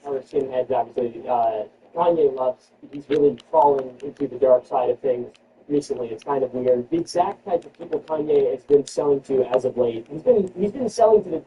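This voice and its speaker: A man hosting a comedy show, riffing sarcastically on news items and jumping into high mock-outraged squeals. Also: muffled recording. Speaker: comedy podcast host. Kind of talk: comedic news riff with retakes. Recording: distant mic with background noise.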